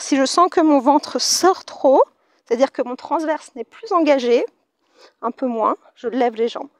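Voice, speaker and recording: Brief: female Pilates instructor, high voice, close dry mic, soft whispered counts. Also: dry recording. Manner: calm counting cues, breathy whispered counts. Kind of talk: guided workout instruction. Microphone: mic very close to the face.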